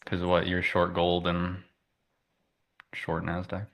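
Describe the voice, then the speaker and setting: A man with a very deep voice chats about his trades on a live stream. He sounds easygoing and relaxed. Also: takes it slowly. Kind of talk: casual live-stream chat.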